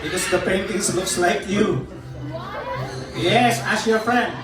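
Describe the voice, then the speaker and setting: High-voiced man in a booming echoey hall. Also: takes it slowly. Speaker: show sidekick and announcer. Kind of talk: playful live show banter and announcing. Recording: very echoey hall, distant mic, loud music.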